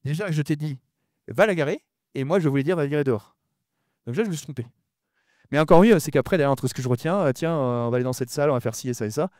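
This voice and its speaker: Male conference speaker, rapid-fire and mumbly, mellow tone, dry close sound, lots of repeats and restarts. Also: on the high side, no room sound. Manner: talks fast and mumbles his words; often repeats words and restarts sentences. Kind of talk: lively conference talk addressing the audience.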